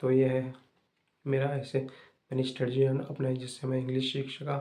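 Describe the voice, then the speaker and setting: A young man hosting an English-learning channel, giving fast, repetitive, casual advice to viewers. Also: medium pitch, monotone, dark tone.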